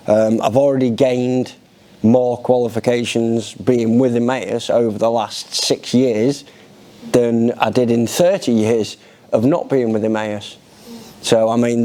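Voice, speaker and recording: A middle-aged British man speaks in an interview. His voice is mellow and unforced, at a medium pitch. He tells his own story in plain, conversational speech. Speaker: charity resident being interviewed. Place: indoor lounge, seated in an armchair.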